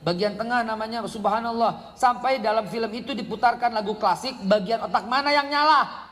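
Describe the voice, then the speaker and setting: Animated preacher in an echoey hall. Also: male voice, fairly quick. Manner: animated, swings from low asides to loud scolding outbursts. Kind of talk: parenting sermon to a congregation.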